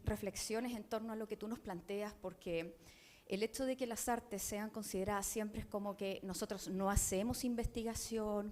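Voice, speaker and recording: Speaking with a Chilean accent, a woman from Chile serves as a discussant on an academic panel, thoughtful and prone to digressions, often tacking on tag questions. Her voice is mid-range with a darkish tone.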